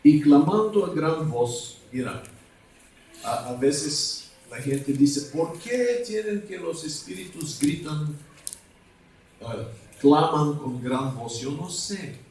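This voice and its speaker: Slow-preaching evangelist man in echoey hall. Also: fairly high pitch, lively intonation, darkish tone. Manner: slow, halting, asks congregation for words. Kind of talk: deliverance sermon. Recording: echoey hall, mic at a distance.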